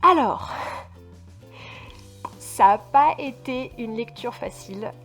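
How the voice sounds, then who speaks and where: A woman's voice: a little high, lively intonation, slow, a bit bright, faint music behind. A woman from France chatting casually about books in a vlog, stumbling and restarting often with lots of fillers, and speaking emphatically about her feelings. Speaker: book vlogger. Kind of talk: casual book review chat.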